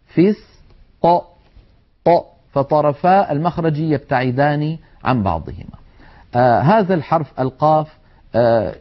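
A man teaching Quran recitation, demonstrating letter sounds in an earnest, admonishing manner. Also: a little high. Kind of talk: tajweed lesson. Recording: dull lo-fi sound.

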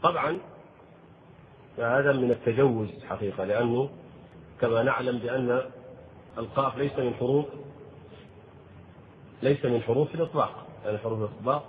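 A man teaching the rules of Quran recitation, explaining slowly and deliberately and chanting short verses as examples. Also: mid-range voice. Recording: tinny phone-like audio with faint noise.

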